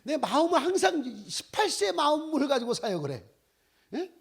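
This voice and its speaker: Sixties male missionary preacher, high gravelly voice with a husky edge, lively storytelling sermon. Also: normal speed. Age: 60s. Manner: animated storytelling, exclaiming and laughing often. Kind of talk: sermon with personal stories.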